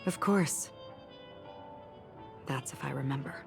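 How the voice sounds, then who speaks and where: A woman voicing a calm, cryptic young swordswoman in a game cutscene, speaking in a soft, even, measured way. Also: extremely low pitch, vocal fry, full character voice. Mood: calm, distant. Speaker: game character voice. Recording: game audio under a score. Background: game music.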